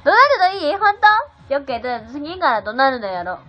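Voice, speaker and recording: Giggly young woman streaming, high voice that jumps all over, dull lo-fi sound w faint music. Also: sing-song, rapid-fire. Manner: giggly, chatty, answers viewer comments. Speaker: livestreamer. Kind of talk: casual live-stream chat.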